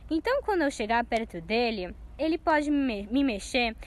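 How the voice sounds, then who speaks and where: A woman's voice: a little high, lively intonation, moderate pace, lightly acted. A woman voicing a worried, hesitant young man in a children's story. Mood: anxious. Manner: anxious, hesitant.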